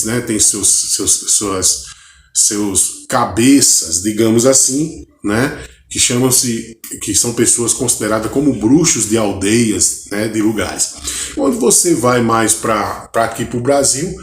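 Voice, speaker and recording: Halting Brazilian pastor in an echoey room. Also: male voice, mid-range voice, slight background noise. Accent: Brazilian Portuguese. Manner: unscripted, halting, often checks in with "né?" and "tá bom?"; poses long strings of direct questions to the viewer. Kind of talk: Bible study talk to camera.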